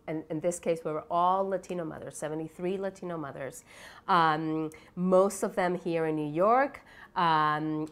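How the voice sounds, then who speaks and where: A woman from Lima, Peru, with a lower pitch and a reflective quality, is interviewed as a developmental psychology researcher. Her explanations come out haltingly, and she frequently checks for agreement with tag questions.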